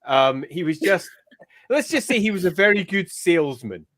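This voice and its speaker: A man co-hosting a casual podcast, wry and quick when reading listener comments. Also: high-pitched, expressive, a bit bright. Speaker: podcast co-host. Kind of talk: casual chat.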